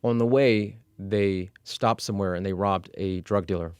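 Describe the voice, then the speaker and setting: A middle-aged man from Iran tells his own story as an interview guest. His voice sits low and sounds clear and smooth. He speaks in a measured way, with fillers and restarts. The recording is dry and close. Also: fairly even intonation, a little mellow, no room sound. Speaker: executive coach. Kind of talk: candid personal storytelling.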